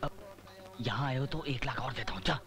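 A man's voice: medium pitch, normal speed, fairly bright tone, soft background music, close to an everyday voice. An actor dubbing an arrogant rich man who bribes and threatens a police officer, in a blustering, threatening manner. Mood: scheming. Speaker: villain in a dubbed film. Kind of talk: Hindi film dubbing.

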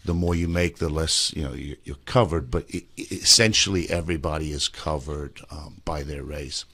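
Deep-voiced man from Zimbabwe, plainspoken. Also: moderate pace, bright, forceful tone, husky. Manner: plainspoken, frequent fillers and restarts. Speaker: state delegate guest. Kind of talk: radio talk show interview. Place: small office, indoors. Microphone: studio mic with headphones, remote video link.

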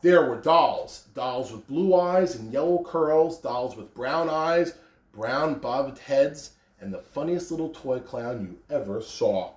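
With a medium-pitched voice and a slow pace, an American man in his thirties, serving as school principal or staff announcer, delivers morning announcements and then reads a story to children. He's at home in a carpeted living room, and a distant phone camera gives the recording a roomy sound.

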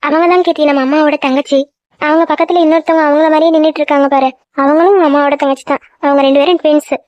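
A woman's voice: sits high, fairly even intonation, very fast, darkish tone, no room sound. A woman voicing all the village women and girls in a family cartoon, in chatty, emotional talk. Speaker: cartoon voice artist. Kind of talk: one voice for every cartoon figure. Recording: dull dry sound.

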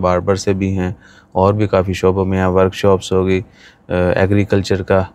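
A man's voice: deep voice, darkish tone, clear, resonant tone. A man, chatting to the camera from a parked car. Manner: chatty, gestures with his hand. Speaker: vlogger. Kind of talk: casual talk to camera. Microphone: phone on dashboard.

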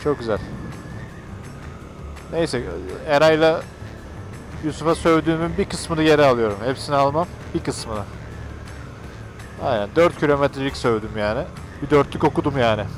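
A man's voice: on the high side, moderate pace, pauses often, soft background music. A man vlogging from his motorcycle on country roads, chatting and joking straight to his viewers through a helmet mic. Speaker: motovlogger. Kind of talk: casual running commentary while riding.

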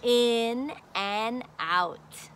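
The audio is poor, with a little hiss or hum, as a woman in her forties with a fairly high, slightly bright voice reads a picture book to a child. She teaches slowly, simply and encouragingly outdoors by a brick wall on a patio, filmed on a phone at arm's length.

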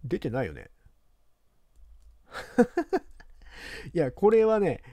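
A man from Japan talking casually over a video game he plays, rambling and chatty in rough, informal speech. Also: high-pitched, wildly swooping pitch, very slow, dark tone, no echo. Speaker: game commentator. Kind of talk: casual let's-play commentary.

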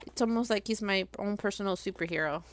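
A Puerto Rican woman with a Puerto Rican accent livestreams her crafting, gluing a project at her home work table while chatting and rambling casually and often laughing at herself. She talks fast in a mid-range voice, with no room sound.

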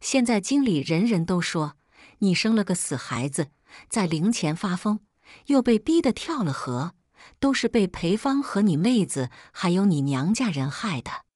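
A woman narrator voicing a shrewd, amused female ally who speaks in a knowing, brisk way. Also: on the low side, sing-song, darkish tone, dry recording, studio quality.

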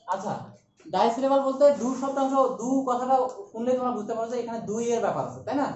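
A woman's voice: fairly high pitch, expressive, fast talker, a little mellow. Patient woman teacher in an echoey room. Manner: patient, repetitive, often checks understanding with tag questions. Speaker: English grammar teacher. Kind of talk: classroom lecture. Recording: roomy, distant, dull lo-fi sound with faint noise.

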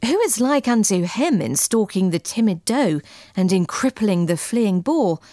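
A woman's voice: medium pitch, big pitch swings, unhurried, warm tone, no echo, clean studio sound. A woman voicing a nobleman who mocks with sly, ironic praise. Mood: mocking. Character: older nobleman, mocking, sly.

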